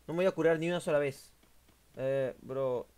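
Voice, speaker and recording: A young man, streaming a game and commentating live, excitable and swearing at the action. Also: fairly high pitch, normal speed, a little hiss or hum. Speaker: gaming streamer.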